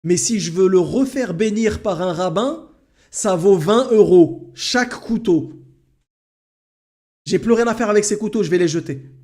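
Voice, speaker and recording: A man's voice: high-pitched, a little slow, mellow, voice pushed up. A man voicing a stern, matter-of-fact middle-aged woman shopkeeper in a told story. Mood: curt.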